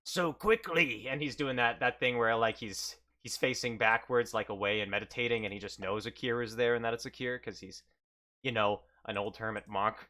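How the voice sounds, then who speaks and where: A hungover man improvising casual narration as a solo game master, halting and correcting himself as he goes. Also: lowish voice, fairly even intonation, pushed and bright.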